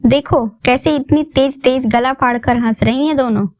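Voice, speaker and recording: A woman voicing a spiteful young sister-in-law who sneers and shouts. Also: high-pitched, moderate pace, no echo. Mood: sneering.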